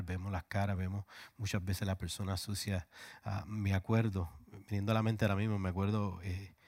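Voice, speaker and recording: A man's voice: lowish voice, a little mellow, no room sound, clean studio sound. A male pastor preaching a sermon with passion, sometimes dropping to a whisper. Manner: impassioned, drops to a whisper at times.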